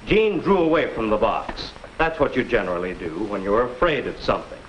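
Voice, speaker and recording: A man's voice: lowish voice, natural voice. A man playing a patient 1950s teacher. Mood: explaining. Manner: calm, measured explaining. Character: patient male teacher explaining emotions to students. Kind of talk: 1950s educational film acting. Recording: muffled old film soundtrack with hiss.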